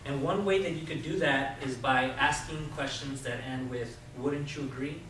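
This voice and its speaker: A man's voice: mid-range voice, normal speed, a bit bright. A man giving an informal, persuasive sales presentation to a group, explaining his points directly to the listeners. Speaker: Toastmasters club speaker giving a sales talk. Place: indoor club meeting room with a live group. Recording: distant mic, very echoey room, clear noise.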